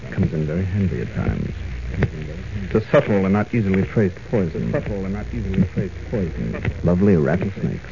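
An actor playing a sadistic, coldly menacing villain in a 1940s radio serial, taunting with deliberate mock courtesy. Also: male voice, sits low, very animated, creaky, crowd noise, full character voice. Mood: gloating menace. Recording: muffled old radio broadcast recording.

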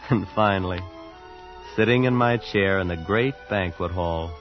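A man's voice: sits low, unhurried. An actor playing a wide-eyed young man from a small town who tells his own story in an earnest, awed, shy way, in an old radio drama. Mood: reflective. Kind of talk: 1940s radio acting with first-person narration. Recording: muffled old radio recording with music behind.

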